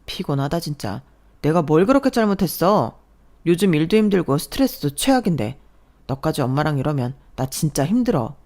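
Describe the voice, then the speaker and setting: A woman's voice: low-pitched, very animated, a little fast, darkish tone. Woman voicing a defensive young husband. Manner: whiny, defensive.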